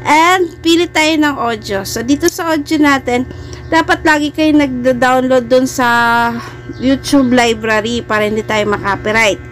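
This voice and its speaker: Faint music plays behind this woman from the Philippines, whose voice is high-pitched and unhurried. As host of a video editing tutorial channel, she gives beginners a friendly, chatty, step-by-step phone editing lesson, addressing her viewers politely.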